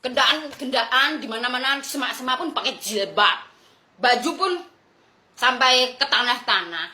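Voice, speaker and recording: A woman's voice: sits high, measured pace, sharp tone, roomy sound. A woman from Indonesia in an angry livestream rant, brash and mocking, who swears freely and laughs scornfully.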